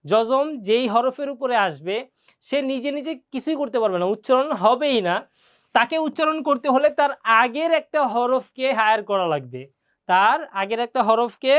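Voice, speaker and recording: A fairly high-voiced woman teaches a Quran reading lesson. She explains each rule patiently, drills syllables one by one and keeps asking her students questions. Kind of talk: classroom lesson.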